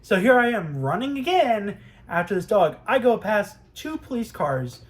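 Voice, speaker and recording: A man's voice: high voice, very animated, moderate pace. A young man vlogging at home, telling a story in a rambling way, full of fillers. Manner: rambling, lots of "um" and "I'm like". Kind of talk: casual storytelling.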